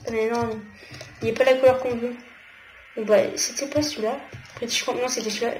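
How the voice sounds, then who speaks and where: A young woman with a French accent giving casual gameplay commentary, thinking aloud with quick exclamations. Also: fairly high pitch, fairly even intonation, darkish tone. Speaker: gamer. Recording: echoey room with noticeable noise.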